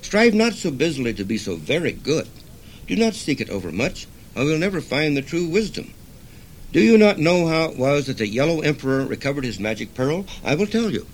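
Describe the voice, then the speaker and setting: Calm wise old sage, read by an older man, gentle and instructive, storybook reading. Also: on the high side, fairly quick, a little hiss or hum, pitched above the performer's own voice, poor audio.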